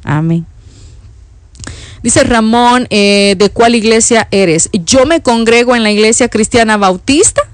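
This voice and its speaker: A woman's voice: a little high, unhurried, no room sound. A Salvadoran woman in her fifties, a church worship leader chatting affectionately on a live stream, reading out viewers' comments and laughing often. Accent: Salvadoran Spanish. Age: 50s. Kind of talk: casual live-stream chat.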